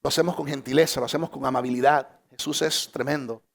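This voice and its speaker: A male pastor preaching a sermon to a church congregation, lively and humorous, repeating phrases for emphasis. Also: mid-range voice, fast, creaky. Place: church stage.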